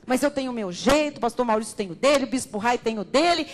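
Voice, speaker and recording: A woman's voice: fairly high pitch, animated, quick pace. A woman pastor leading a Bible study sermon, emphatic, calling her listeners beloved.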